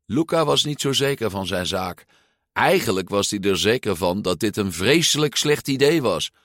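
A man reading a children's story aloud in an expressive, unhurried way. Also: fairly low pitch, no room sound, clean studio sound. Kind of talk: storybook read-aloud narration.

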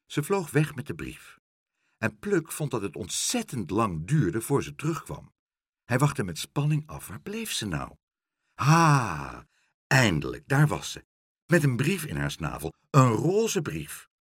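Husky man reading a children's story aloud. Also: medium pitch, a little slow, no room sound, studio quality. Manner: lively expressive storytelling. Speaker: narrator.

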